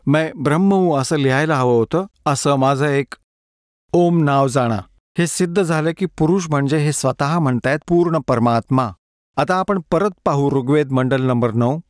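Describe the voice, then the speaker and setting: A man delivers a sermon, working through scripture one verse at a time and slowly repeating the key words. His voice sits a little high for a man. The sound is close and dry. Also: no echo. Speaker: preacher giving a dubbed sermon.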